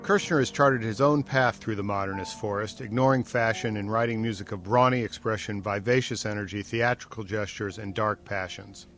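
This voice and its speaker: A man reading scripted narration for a news feature in a measured, even way. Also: fairly low pitch, soft background music.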